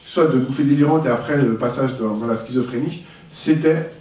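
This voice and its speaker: A man giving a candid personal testimony, reflective and unhurried, at a middle pitch. He is picked up from a distance, and the room echoes heavily around him. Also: a little mellow. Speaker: speaker giving a talk.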